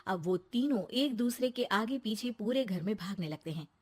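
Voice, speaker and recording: A woman's voice: mid-range voice, animated, moderate pace. A woman narrating a scripted children's story in the present tense.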